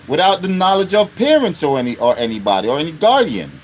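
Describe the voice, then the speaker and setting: Hosting an unscripted live stream, this fifty-something man speaks fast in a slightly high voice with big swings in pitch. His talk is blunt and full of profanity, and he constantly throws rhetorical check-ins at his audience.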